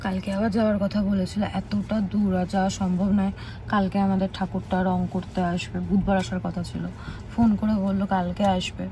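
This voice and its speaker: A woman talks to her vlog viewers in a loose, chatty way, often sighing about the heat and her tiredness. Her pitch sits in the middle range, and a faint hum stays under her voice. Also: little pitch movement, a little fast, warm tone, low-quality recording. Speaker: vlogger. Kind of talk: casual vlog chat to viewers.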